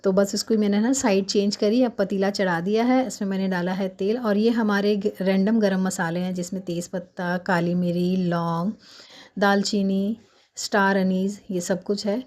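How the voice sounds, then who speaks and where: A woman doing a hurried, chatty cooking voice-over while fasting, explaining each step at home. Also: medium pitch, steady tone, a little mellow. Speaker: home cook vlogger.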